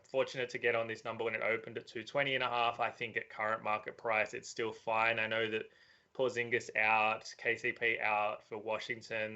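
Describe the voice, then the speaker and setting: Man, betting analyst, flat delivery, bright edge, casual chat. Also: lowish voice. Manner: measured, analytical, frequent fillers. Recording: dull lo-fi audio.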